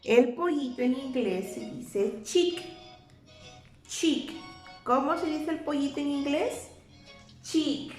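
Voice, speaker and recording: A young woman teaches small children in a slow, patient sing-song, speaking. Her voice sits fairly high, and the home recording sounds roomy. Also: lively intonation, faint music behind. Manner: repeats each word slowly and asks the children to say it back; warm and encouraging. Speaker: preschool English teacher.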